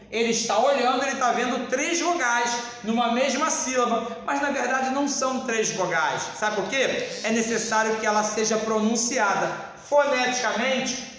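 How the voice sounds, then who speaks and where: A man's voice: very high voice, fairly bright tone. A man teaching a grammar lesson to a class, speaking emphatically and addressing the students formally. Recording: echoey hall with long reverb.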